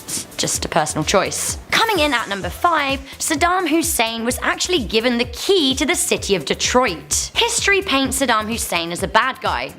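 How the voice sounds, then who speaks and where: A woman presents an upbeat top ten countdown in a fairly high voice that swings widely in pitch. Her delivery is chatty and emphatic, dropping informal asides into the narration. Soft music plays behind her. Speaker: host of a countdown video. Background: background music.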